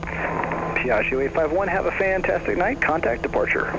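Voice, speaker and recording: A man working as an air traffic controller, heard over an aircraft radio, giving brisk, formal clearances. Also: high-pitched. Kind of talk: clipped controller radio calls. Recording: muffled noisy radio transmission.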